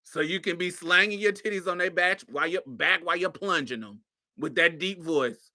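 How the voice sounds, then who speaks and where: A podcast host delivers a casual monologue in a sassy, blunt style, swearing freely and laughing often. Her voice is on the low side, bright and forceful, at a normal speed.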